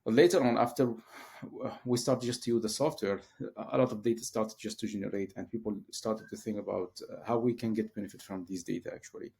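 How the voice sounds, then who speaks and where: A man's voice: on the low side, fairly even intonation, fairly quick, creaky, darkish tone. A man from Syria, a professor, answering interview questions hesitantly with many fillers and restarts. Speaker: guest, professor.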